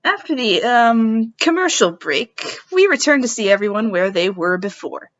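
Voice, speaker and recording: A woman's voice: fairly high pitch, sing-song, normal speed, no room sound, dull audio. A woman doing an informal, theatrical dramatic reading of a story as narrator, dropping in asides.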